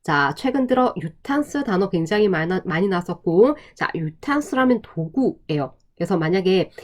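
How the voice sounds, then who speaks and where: A woman's voice: lowish voice, lively intonation, normal speed. A woman, a TOEIC English instructor, going over exam answers in a teacherly lecture style, asking rhetorical questions and drilling pronunciation.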